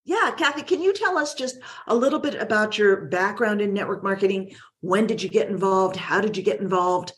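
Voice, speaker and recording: A woman's voice: medium pitch, brisk, few pauses. A woman hosting an upbeat podcast interview in a welcoming, emphatic way.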